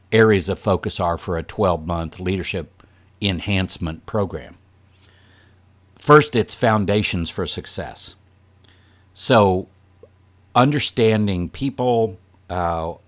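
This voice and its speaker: A man with a very low, deep voice speaks as a leadership trainer addressing an audience. His delivery is earnest and emphatic, with a light chuckle now and then. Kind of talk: presentation to an audience.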